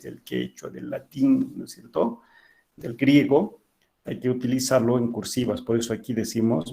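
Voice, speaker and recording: A man's voice: mid-range voice, creaky, dark tone. A male teacher giving an online class lecture, explaining patiently and often checking that students follow.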